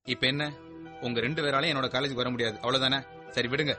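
A man's voice: medium pitch, steady tone, fast, over music, natural voice. An actor playing a lonely, sulky young college student who pleads with his busy parents. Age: young adult. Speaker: student son.

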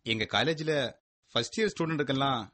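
A man playing a fast-talking, sulky young student. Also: mid-range voice, fairly bright tone, natural voice. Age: young adult. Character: lonely, sulky young college student son. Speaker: student son.

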